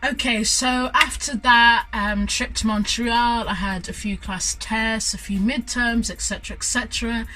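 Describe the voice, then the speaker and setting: A woman's voice: fairly high pitch, fairly even intonation, unhurried, hardly any pauses, pushed and bright, soft background music, low-quality recording. A young woman from Zimbabwe, telling stories in an enthusiastic, gushing vlog chat full of fillers. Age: young adult. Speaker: student vlogger. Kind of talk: casual vlog storytelling.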